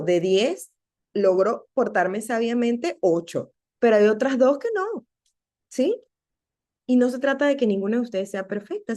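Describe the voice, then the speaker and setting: A young woman teaching a devotional talk to women in a warm, mellow voice at a middle pitch. She speaks earnestly and conversationally, often pausing to ask her listeners short questions to keep them with her. It sounds like an online talk streamed from home. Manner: earnest, animated, checks in with rhetorical questions.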